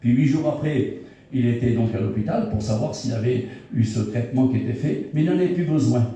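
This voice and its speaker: A middle-aged man, a pastor, telling a testimony in a sermon, in an animated storytelling way that repeats phrases for emphasis. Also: medium pitch, brisk. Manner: animated storytelling, acts out dialogue. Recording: very echoey hall, mic far off.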